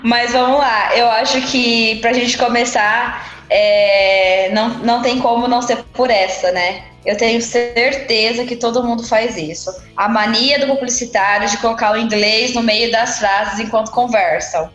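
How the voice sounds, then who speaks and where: A woman's voice: on the high side, fairly even intonation, unhurried, a bit bright, roomy sound, dull audio, soft background music. A woman co-hosting a casual podcast, chatty and exasperated, often laughing as she talks. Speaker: podcast co-host.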